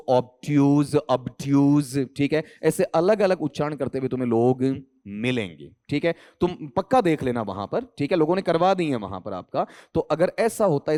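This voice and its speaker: A male English teacher for competitive exams gives an exam coaching lecture in Hindi with a Rajasthani accent, and the recording has no echo. He's lively, repeatedly quizzing students with "bataao" and "theek hai," and his pitch rises and drops a lot for emphasis.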